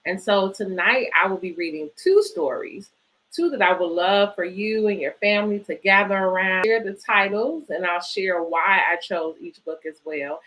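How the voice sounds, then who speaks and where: Here the storytime host, who also directs a book organisation and presents a children's bedtime story series, reads picture books and chats supportively with families. Her voice is mid-range with a touch of brightness, captured on a low-quality recording.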